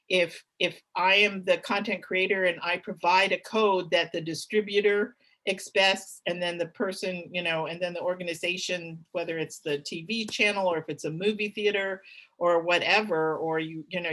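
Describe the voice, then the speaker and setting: A woman's voice: fairly low pitch, pushed and bright. A middle-aged woman giving a webinar presentation, talking conversationally with many fillers and restarts.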